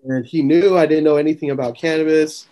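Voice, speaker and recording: A man's voice: a little high, steady tone, quick pace, dark tone. A man from San Diego, a podcast guest talking in an easygoing way over a video call. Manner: easygoing, says "bro" and "man".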